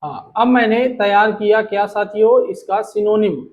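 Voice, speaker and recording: A man with a high-sitting, fairly even voice, its highs cut off, teaches English vocabulary to a class. He draws out his words, repeats questions back to the students, and makes playful jokes about memory.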